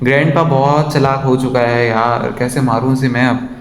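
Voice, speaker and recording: A man's voice: mid-range voice, steady tone, normal speed. Chatty man narrating his gameplay, echoey room. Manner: chatty, addresses viewers as guys. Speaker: gaming vlogger. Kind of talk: casual game commentary. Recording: echoey room, faint ambient noise.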